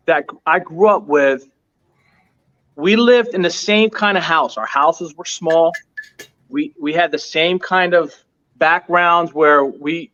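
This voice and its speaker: A man from the United States who owns a restaurant recounts his story in an interview, his slightly high voice carrying a sharp tone. He is earnest and emphatic, repeating points for stress, over dull audio.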